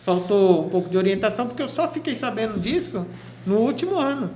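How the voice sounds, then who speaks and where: High-voiced man, roomy sound. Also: big pitch swings, fast talker, a little mellow. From Cubatão, São Paulo state, Brazil. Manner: chatty storytelling with many restarts. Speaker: guest, physical education teacher. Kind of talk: casual radio interview. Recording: echoey room with faint noise.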